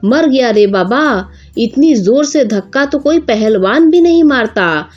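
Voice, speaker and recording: A woman's voice: a little high, animated, measured pace, a little mellow, highs cut off, faint music behind. A woman voicing a village thief man who boasts, then whines and pleads for mercy. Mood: pleading. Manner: pleading and whining.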